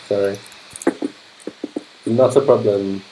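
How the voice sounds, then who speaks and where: A man from London with a polished, non-Cockney London accent, an English teacher commentating a game livestream, speaking slowly and clearly for learners. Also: lowish voice, steady tone, warm tone, a little hiss or hum, poor audio. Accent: polished London English, not Cockney. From London, England. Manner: upbeat, keeps saying fantastic.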